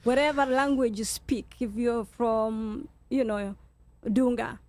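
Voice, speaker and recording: A woman with a Kenyan accent and a slightly high voice speaks as a guest on a talk show. She explains her points emphatically, often restating a phrase to drive it home. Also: fairly even intonation, takes it slowly, a little mellow, no echo. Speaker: guest speaker, nurse leader.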